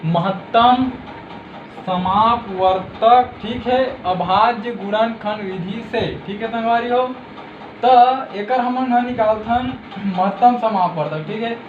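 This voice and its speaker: A man with a Chhattisgarhi accent teaching a math lesson step by step, patient and explanatory, who says "okay" after each step. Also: sits high. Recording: roomy, dull lo-fi, faint hiss.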